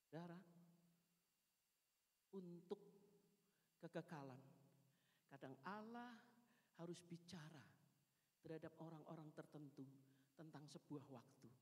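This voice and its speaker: A woman preaching a sermon in a church, telling a story animatedly and acting out the dialogue with sudden loud exclamations. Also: low-pitched, slow, pauses often. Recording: reverberant church hall.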